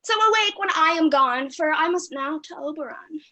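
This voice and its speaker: A woman's voice: high-pitched, expressive, moderate pace, bright, forceful tone, low-quality recording. A woman playing a mischievous fairy sprite. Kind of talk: Shakespeare reading.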